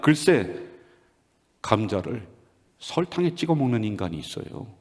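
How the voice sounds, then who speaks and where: A man's voice: lowish voice, very animated, moderate pace, a little mellow. A man voicing a hot-tempered husband in a joke, grumbling indignantly, with a long church reverb. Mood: complaining. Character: hot-tempered middle-aged provincial husband.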